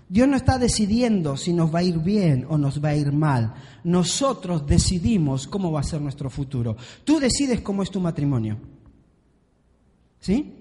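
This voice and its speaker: A man preaching a sermon in a church and talking directly to the congregation. He is animated and acts out the voices he quotes. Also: a little high. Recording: long hall reverb.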